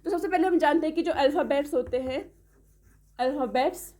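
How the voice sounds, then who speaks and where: A woman teaching English pronunciation, who explains step by step, checks in with the class often and spells words out slowly letter by letter. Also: high voice, dark tone. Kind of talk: classroom-style lesson.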